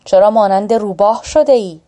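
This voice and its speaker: A woman's voice: mid-range voice, warm tone, close to an everyday voice. A woman reading the lines of a proud young warrior prince in a storybook tale, in a taunting, commanding tone. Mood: stern.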